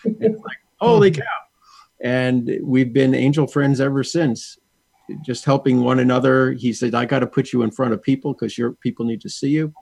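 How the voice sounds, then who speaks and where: A man's voice: mid-range voice, flat delivery, moderate pace, gravelly, a little mellow, slightly rough, dry recording. A male guest in an interview, speaking earnestly and repeating words for emphasis. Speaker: guest, angel communicator. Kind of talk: interview chat, storytelling.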